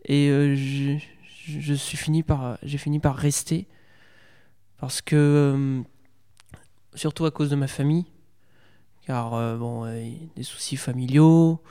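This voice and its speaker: A man's voice: medium pitch, fairly even intonation, slow pace, long pauses, mellow, smooth, big-room sound. A young man from Portugal, answering interview questions hesitantly with many fillers and restarts. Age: young adult. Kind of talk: casual interview.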